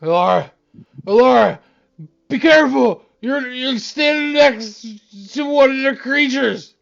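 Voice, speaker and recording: A man voicing a paranoid town drunk in a tabletop game, drunken and startled, with drawn-out exclamations. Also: extremely high pitch, expressive, creaky, a bit bright, dull audio, pitched above the performer's own voice, full character voice. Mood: drunken alarm. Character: paranoid male town drunk, panicked conspiracy ranter. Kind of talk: tabletop role-play.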